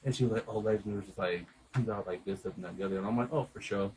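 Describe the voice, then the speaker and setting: Fast-talking low-voiced man telling a story. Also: background noise. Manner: rambling, animated retelling with lots of swearing and quoted dialogue. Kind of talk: casual storytelling chat.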